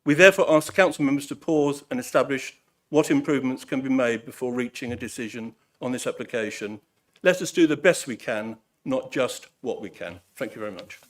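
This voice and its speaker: A man's voice: medium pitch, fairly quick. A man reading out a formal, earnest and rhetorical statement as a parish council representative. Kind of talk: formal prepared speech, read out. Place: council meeting room.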